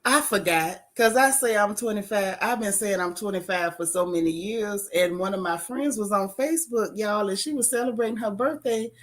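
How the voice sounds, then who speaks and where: A woman hosting a casual gossip chat, sassy and playful with loud joking. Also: mid-range voice, moderate pace, hardly any pauses. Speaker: podcast host.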